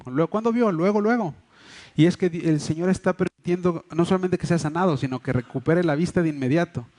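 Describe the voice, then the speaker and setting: A man's voice: a little high, fairly even intonation, quick pace, mellow. A man preaching a sermon as pastor, with a Mexico City Spanish accent, explaining earnestly with many fillers and restarts. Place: church hall. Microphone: livestream microphone.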